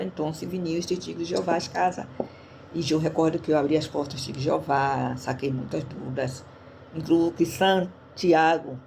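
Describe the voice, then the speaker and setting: A woman's voice: deep voice, vocal fry, darkish tone, a little hiss or hum. A woman from Brazil sprinkled words, giving a chatty online church talk and often checking in her listeners. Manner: chatty, tags questions to listeners. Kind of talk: casual sermon talk.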